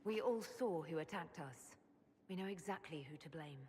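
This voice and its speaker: A principled woman leader, played by an actress, steady and direct in a lowish voice. She speaks with composure, in a long hall reverb. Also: normal speed, slight background noise, close to an everyday voice. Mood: firm, reassuring. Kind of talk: video game voice acting. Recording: hall reverb, faint ambience.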